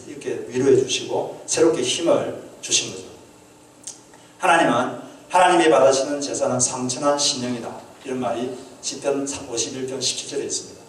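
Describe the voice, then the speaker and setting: A man's voice: medium pitch, slight background noise. A man preaching a sermon as pastor, earnestly asking the congregation questions and acting out quoted prayers. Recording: echoey hall, mic at a distance.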